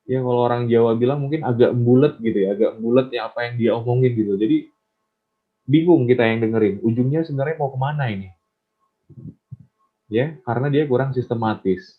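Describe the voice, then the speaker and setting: A man's voice: mid-range voice, fairly quick. A man teaching public speaking in an online class, encouraging and asking his students questions. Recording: tinny phone-like line.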